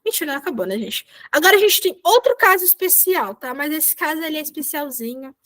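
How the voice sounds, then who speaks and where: Woman, young adult, high voice, language teacher, video call, chatty, keeps checking in. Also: lively intonation, fast talker, fairly bright tone. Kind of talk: online class explanation.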